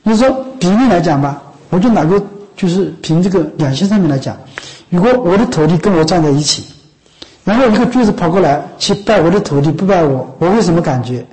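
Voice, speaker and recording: A man with a fairly high voice gives an informal Buddhist dharma talk. He speaks in a coaxing, conversational way and keeps asking whether his listeners understand. Now and then he breaks off to cough. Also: expressive, a little fast, a little mellow, rough recording. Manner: conversational, often asks "知道吗？" and "是不是？". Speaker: Buddhist monk teacher. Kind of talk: dharma talk to lay followers.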